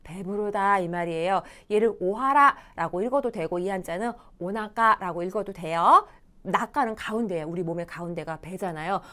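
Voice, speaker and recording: A woman teaching a Japanese lesson, explaining grammar patiently and reading example dialogues slowly and clearly. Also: mid-range voice, pushed and bright. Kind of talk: video lecture explaining grammar.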